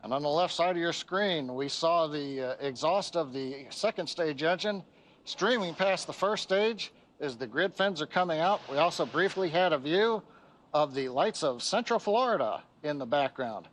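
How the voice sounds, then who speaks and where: A man hosts a live launch broadcast. His voice is a little high, and he explains each technical stage as it unfolds. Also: expressive, normal speed, fairly bright tone, poor audio. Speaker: launch webcast host.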